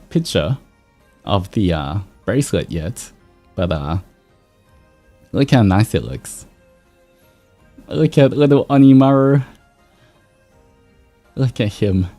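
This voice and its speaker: A male livestreamer and VTuber host rambles in a laid-back way to his viewers, with music in the background. His voice is mid-range and mellow.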